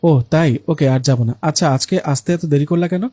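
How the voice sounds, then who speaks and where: A man's voice: fairly high pitch, normal speed, warm tone, no room sound, close to an everyday voice. A man voicing a dramatic, scheming young woman in a spoken Bengali ghost story. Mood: teasing.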